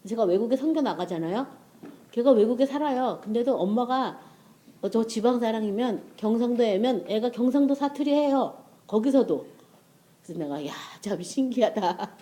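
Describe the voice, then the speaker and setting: A woman's voice: on the high side, lively intonation, normal speed, dark tone. A middle-aged woman preaching a sermon in a conversational way, often checking with her listeners.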